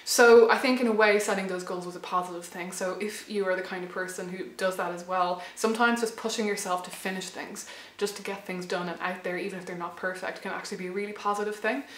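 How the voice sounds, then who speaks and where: A woman of about thirty speaks in a thoughtful, halting way and often circles back on herself. Her voice sounds a little hoarse and worn, pitched at a middling height. The recording carries a noticeable room echo. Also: steady tone. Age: late 20s to 30. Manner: thoughtful, hesitant, many restarts and fillers. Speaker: channel host. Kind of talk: reflective personal vlog.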